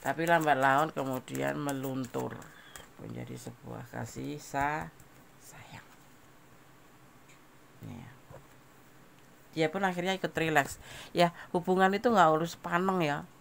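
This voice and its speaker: A man's voice: a little high, fairly even intonation, normal speed, gravelly, fairly bright tone, slight background noise. A man giving a casual tarot general reading, talking straight to the listener and repeating phrases. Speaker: tarot reader.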